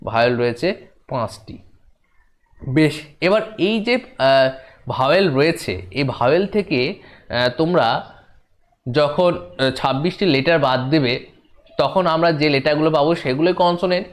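A man's voice: fairly high pitch, lively intonation. Man teaching a classroom demo lesson. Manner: slow, repeating points, addressing students directly.

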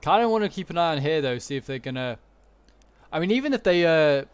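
Higher-voiced man commentating over game noise. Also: animated, fast. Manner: musing, thinking aloud. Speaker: gaming commentator. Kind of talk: casual strategy game battle commentary. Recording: noticeable background noise, game ambience. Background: video game battle ambience.

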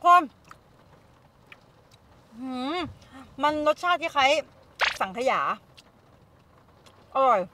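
A woman in her thirties vlogs casually in a high voice, speaking extremely slowly with long pauses as she walks supermarket aisles and tastes food in her parked car. Chatty and excitable, she talks straight to viewers on a phone camera held at arm's length. The phone video has music underneath and a noisy background.

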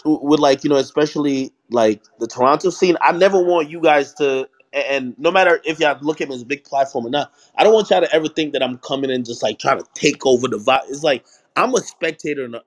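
A man's voice: fairly high pitch, brisk. A young man from Jamaica, a hip hop media host, talking in a casual group voice chat, rambling with many restarts and "you know what I mean" fillers. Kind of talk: casual audio chat room conversation.

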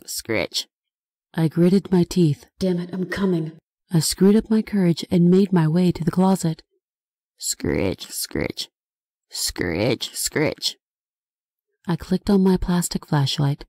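Mellow woman reading a horror audiobook. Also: fairly low pitch, creaky, dry recording, clean studio sound. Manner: dramatic expressive reading. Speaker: author reading her own novel. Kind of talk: scripted audiobook narration.

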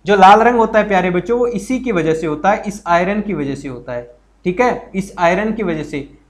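A high-voiced man runs a live online exam-prep class. He is chatty and encouraging, repeats every point and keeps asking his students questions. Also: lively intonation, moderate pace. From Haryana, India. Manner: greets viewers and reads their comments aloud. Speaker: teacher.

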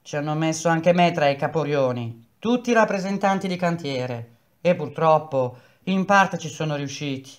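A woman voicing a weary male builder and strike leader who speaks in a grave, measured, brooding way. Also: deep voice, lively intonation. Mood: grim.

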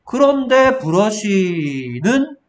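A man's voice: high-pitched, big pitch swings, drawn-out words. A man tutoring a student one-on-one, coaxing and scolding, prodding again and again for an answer. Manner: scolding, repeatedly prompting with "어?". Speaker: English tutor. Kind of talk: one-on-one spelling lesson.

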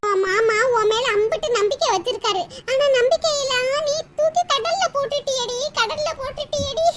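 A woman voicing a sharp-tongued married older sister in a cartoon, scolding and mocking in a long rant. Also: very high voice, slight background noise. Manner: scolding, mocking, rapid ranting. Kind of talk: cartoon voice acting.

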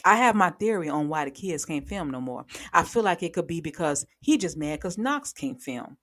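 A woman's voice: sits low, normal speed. Profane, sarcastic woman gossip commentator. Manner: blunt, sarcastic and heavily profane, with sudden animated outbursts. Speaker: commentary vlogger.

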